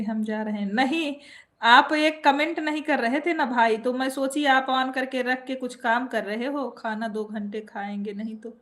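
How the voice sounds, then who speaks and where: A woman with an Awadhi accent chats casually on a phone live stream from home. Her voice sits a little high, and she teases her viewers playfully as she greets them one by one.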